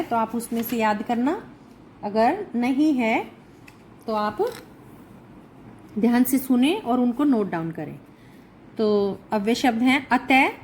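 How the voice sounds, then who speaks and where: A woman teacher with a fairly high voice works through a recorded lesson at a very slow, unhurried pace. She reads each phrase, then stops to translate and explain it. A faint hiss of noise sits under her voice. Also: poor audio. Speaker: Sanskrit teacher.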